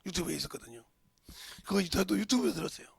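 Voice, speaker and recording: A man preaching a sermon as pastor, swinging from shouts to hushed whispers and pressing the congregation with rhetorical questions. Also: on the high side, very fast, gravelly, slightly rough, no room sound, clean studio sound.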